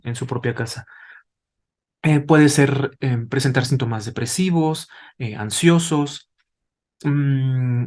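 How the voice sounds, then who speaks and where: A man's voice: mid-range voice, a little mellow. A man, a doctor, explaining to parents in a didactic way, asking rhetorical questions as he goes. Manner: didactic, asks rhetorical questions, tags with "¿vale?". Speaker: doctor, invited expert.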